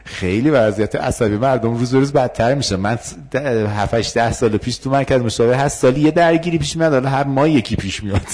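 Husky-voiced man teaching assertiveness. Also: mid-range voice, hardly any pauses, darkish tone. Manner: explanatory, acts out both sides of dialogues. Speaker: university counselor teaching assertiveness. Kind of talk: lecture with role-play demonstrations.

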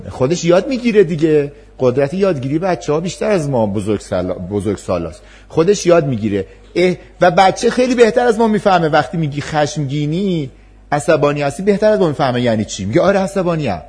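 A man's voice: a little high, a little mellow, breathy edge. A man giving an explanatory talk to an audience on parenting and empathy, acting out parent and child voices in his examples.

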